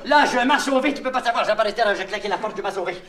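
A man's voice: sits high, rapid-fire, crowd noise, natural voice. A man with a Québécois accent playing a naive, childlike vagabond clown who rambles and mangles words in a comic monologue. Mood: rambling, confiding. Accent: Québécois French. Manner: mangled words and puns, confiding to the listener. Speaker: comedian. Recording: echoey, distant, noisy old LP recording.

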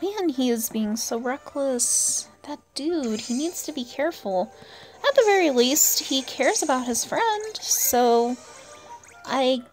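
Speaking slowly in a high voice with lively intonation, a woman offers casual commentary on the game she's playing for her channel, frequently talking to herself and its characters. Faint game music plays beneath this indoor voice-over.

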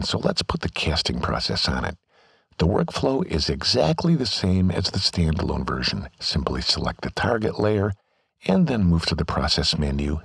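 Man, software tutorial voice-over, step-by-step, lively pitch, gravelly. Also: no echo, studio quality. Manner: calm, step-by-step instructional delivery.

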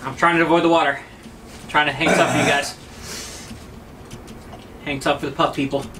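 A man's voice: fairly high pitch, level tone, a little fast. A young man chatting casually through a food challenge, holding out with a mouth burning from spicy food. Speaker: challenge participant. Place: indoors at a table in a small room. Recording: distant mic, faint background noise.

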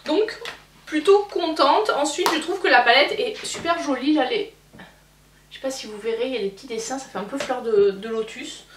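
A woman's voice: sits high, normal speed, fairly bright tone, roomy sound, distant mic, slight background noise. A woman casually chatting through a makeup haul, hesitant and full of fillers. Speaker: beauty vlogger.

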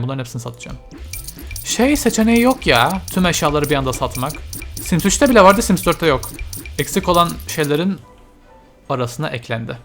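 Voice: mid-range voice, gravelly. A let's-player giving casual, chatty commentary while playing, exclaiming and talking to the game characters, with English game terms mixed in.

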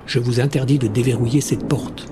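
A man voicing a wary, stern young man who gives quiet, controlled orders. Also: fairly even intonation, fairly quick, noisy background, natural voice. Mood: guarded. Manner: low, controlled commands.

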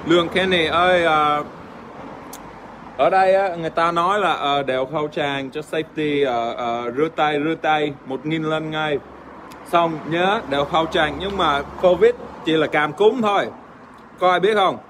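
An Australian man, native English speaker, joking crudely with fans in casual livestream chat, halting with fillers and swearing playfully. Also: fairly high pitch, steady tone, a bit bright, slight background noise. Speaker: livestream host. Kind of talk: casual livestream chat reading fan comments.

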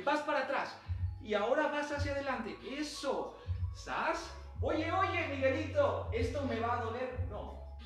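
A playful, chatty man coaches a home exercise class, counting reps and cheering people on. He speaks at an easy, slow pace. His voice rings in a very echoey room, with faint music behind. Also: high-pitched. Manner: upbeat, playful, chatty with slang. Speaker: fitness instructor. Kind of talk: live online exercise class.

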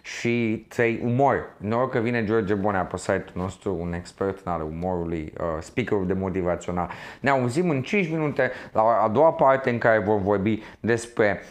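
A man's voice: on the low side, few pauses. A man hosting an academic interview, debating points with his guest and addressing the audience. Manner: debating points, then wrapping up the segment for listeners. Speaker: interview host.

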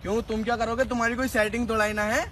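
A man's voice: very high voice, level tone, rapid-fire, slight background noise. A man in a comic sketch, cheeky and playful. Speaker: comedy sketch performer. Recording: loud music under the voice.

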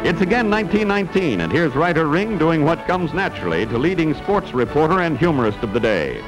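A man narrates in old newsreel fashion, his fairly high voice snapping out clipped headline phrases with the articles dropped. Loud music plays right behind him the whole time. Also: big pitch swings, fairly quick, rough recording.

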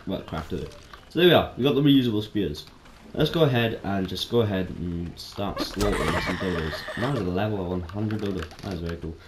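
A man giving casual, chatty let's-play commentary as a game streamer, excitable and prone to sudden startled yelps. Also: sits low, a little fast. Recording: roomy echo, faint noise.

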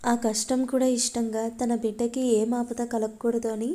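A woman's voice: on the high side, little pitch movement, moderate pace, mellow, lightly acted. A woman voicing a playful, affectionate young wife in a read-aloud love story. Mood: earnest.

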